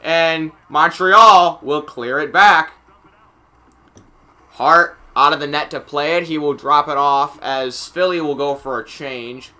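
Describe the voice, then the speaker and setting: Guy calling hockey casually, kinda high voice, chatty asides, gets hyped on chances. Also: slow pace. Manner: excitable, rising to shouts on big plays. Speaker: amateur play-by-play commentator. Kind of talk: casual live game commentary.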